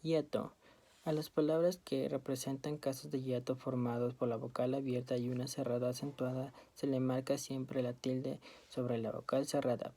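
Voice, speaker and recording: Flat, gravelly woman reading notes. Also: very deep voice. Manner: steady, list-like reading. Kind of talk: reading study notes aloud.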